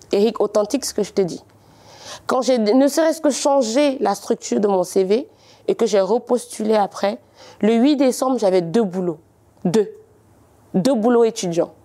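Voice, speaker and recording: A young woman from Cameroon with a slightly faded Cameroonian French accent, a guest telling her story in a lively, teasing and insistent way. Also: mid-range voice. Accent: Cameroonian French, partly faded. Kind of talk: casual interview talk.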